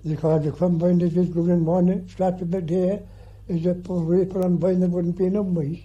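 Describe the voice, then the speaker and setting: A very old man, over a hundred, with a rural County Clare accent and an aged husky voice, reminiscing haltingly in an interview and repeating his words. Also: high voice, little pitch movement, dark tone. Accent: rural County Clare Irish. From County Clare, Ireland. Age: over 100, very old. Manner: very old man's halting, repetitive speech. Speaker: interview guest. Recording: muffled 1960s archive interview recording.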